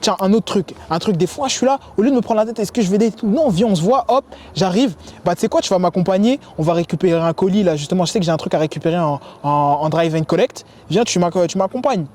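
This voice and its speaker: A young man who grew up in the United States gives dating advice to the camera in an energetic, slangy, spontaneous way, at a sports complex. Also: high-pitched, quick pace, hardly any pauses.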